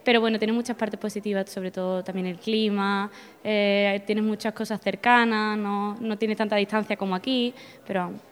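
Speaking at normal speed with a medium pitch and steady tone, a young woman from Spain answers an interviewer's questions as an exchange student guest. Her manner is friendly and a touch hesitant, with repeated words.

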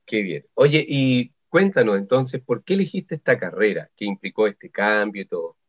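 A man's voice: on the low side, very animated, moderate pace. A man hosting a university radio interview, upbeat and chatty. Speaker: radio host. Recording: slightly dull lo-fi sound.

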